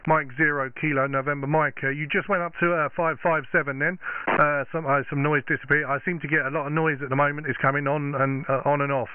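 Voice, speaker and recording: A man, halting and apologetic, working as a ham radio operator amid radio static. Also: fairly high pitch, little pitch movement. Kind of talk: procedural ham radio calling and chat. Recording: tinny narrow sound, clear radio static.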